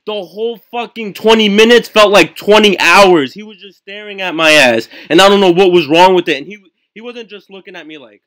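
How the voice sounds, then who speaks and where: A teenage boy hosts a live stream podcast and tells a story in loose, excitable chat. He swears often and keeps tagging his lines with "right?". His voice sits on the high side and sounds bright and forceful, picked up by a home stream mic with glitchy audio. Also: brisk, few pauses. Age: teens. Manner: profane, excitable, with constant fillers and "right?" tags. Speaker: livestream podcast host.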